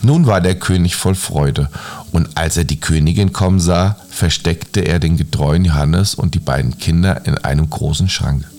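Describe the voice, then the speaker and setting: A man calmly reading a fairy tale aloud as a bedtime story, in a measured storytelling manner. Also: deep voice, faint music behind.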